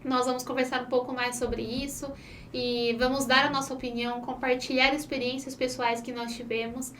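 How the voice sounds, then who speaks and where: An upbeat young Brazilian woman hosts a relaxed podcast conversation, quick to chat and laugh. Her voice sits high and is picked up from a little way off the mic, with a light hiss underneath. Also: distant mic. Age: 20s. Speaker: podcast host.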